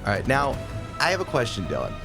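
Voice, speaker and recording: Playing a tabletop game, a man playfully improvises casual narration of his character's moves. His mid-range voice swoops wildly in pitch and moves fast. Music plays underneath him.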